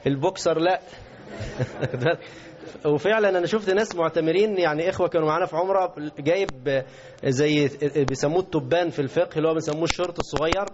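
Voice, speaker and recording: A man with an Egyptian Arabic accent teaching a religious lesson, asking his class questions as he explains. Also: fairly high pitch. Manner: interactive, asks the class questions. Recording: dull lo-fi recording.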